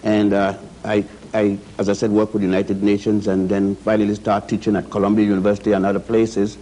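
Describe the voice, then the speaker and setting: Man from Puerto Rico, TV guest historian, mellow, husky, emphatic lecture delivery. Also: lowish voice, monotone, fairly quick, poor audio. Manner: emphatic lecturing, spells out words. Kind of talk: TV studio discussion. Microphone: studio mic.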